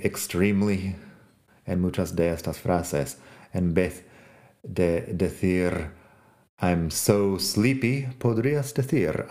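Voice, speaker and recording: A man hosting a relaxed podcast lesson, teaching English phrases to Spanish speakers and drawing out his example sentences slowly. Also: low voice. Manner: slow, drawn-out example phrases. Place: rainy city in Spain. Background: faint music.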